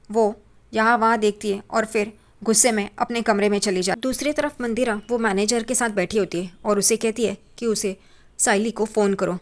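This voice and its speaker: A woman casually retelling a TV serial episode, reading out the characters' lines as she goes. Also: mid-range voice. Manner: conversational retelling, reads out characters' lines in passing. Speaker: TV serial recap narrator. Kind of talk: casual spoken episode recap.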